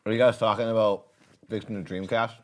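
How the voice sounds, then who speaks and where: A man's voice: on the low side, steady tone, a little fast. A man casually chatting with his viewers while playing a game on a livestream, rambling and laughing often. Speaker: streamer.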